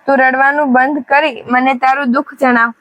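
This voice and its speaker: A woman's voice: sits high, flat delivery, normal speed, a bit bright, highs cut off. A woman reading a kind commanding king. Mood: reassuring. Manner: reassuring and authoritative.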